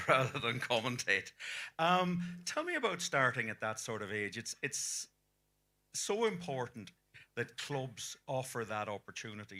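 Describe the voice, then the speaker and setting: A man's voice: lowish voice, bright, forceful tone. A man hosting a live sports interview, putting questions to guests as a rugby commentator would.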